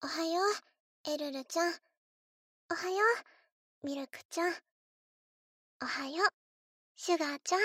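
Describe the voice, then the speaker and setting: A woman's voice: high-pitched, steady tone, normal speed, pauses often, bright, forceful tone, no room sound, clean studio sound. A woman voicing a lonely, bullied schoolgirl who talks to her dolls, in a childlike, plaintive way. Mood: sweet, doting. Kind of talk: solo voice drama.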